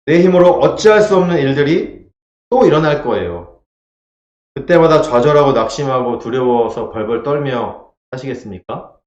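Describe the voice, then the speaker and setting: A man's voice: medium pitch, lively intonation, moderate pace, a little mellow. Man, pastor, sermon, emphatic, repetitive, rhetorical questions, roomy echo, muffled lo-fi sound. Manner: emphatic preaching with repeated lines and rhetorical questions; acts out scripture quotes in a dramatized voice.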